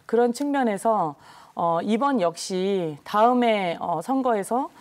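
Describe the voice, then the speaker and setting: A woman with a Jeju accent, a party election co-chair, answering interview questions in a measured, formal way with many hesitant fillers. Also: mid-range voice, expressive, darkish tone. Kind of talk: current-affairs interview answers.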